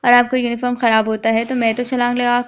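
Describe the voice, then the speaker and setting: A woman voicing a brash, cheeky young woman who mocks the police with quick taunts. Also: a little high, flat delivery, smooth, dull audio, close to an everyday voice. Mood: taunting. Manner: mocking, rapid taunts.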